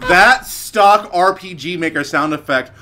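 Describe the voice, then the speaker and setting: A man playing a game on stream, cracking crude jokes in casual commentary and sometimes bursting into shouts. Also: sits high, a little slow, slight background noise. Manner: crude joking, sudden shouted outbursts. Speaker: let's play streamer.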